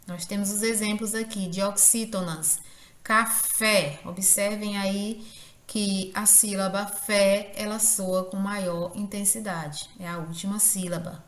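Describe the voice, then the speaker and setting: A woman's voice: medium pitch, flat delivery, unhurried, echoey room. A woman teacher giving a grammar lesson, speaking carefully and stressing syllables.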